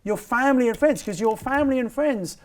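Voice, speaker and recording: A man's voice: extremely high pitch, fairly quick. A man hosting a property training interview, emphatic and repeating his key phrases as he coaches the audience.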